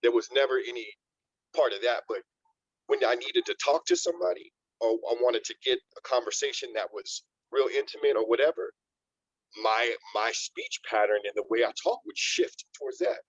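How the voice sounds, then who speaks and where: Husky man talking loosely on a panel. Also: medium pitch, moderate pace, dry recording, highs cut off. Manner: relaxed, repeats words while thinking. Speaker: panel guest. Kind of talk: casual panel discussion.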